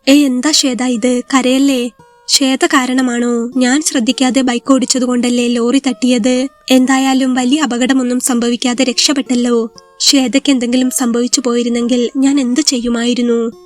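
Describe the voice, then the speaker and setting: A woman voicing an injured young husband who speaks softly and reassuringly in a spoken story. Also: high voice, flat delivery, moderate pace, faint music behind, close to an everyday voice. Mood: consoling. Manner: soft, reassuring.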